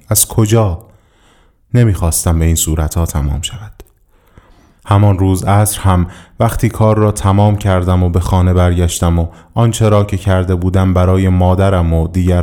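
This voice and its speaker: A man reading a literary story aloud in a measured, somber first-person narration. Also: deep voice, dark tone. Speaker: audiobook reader.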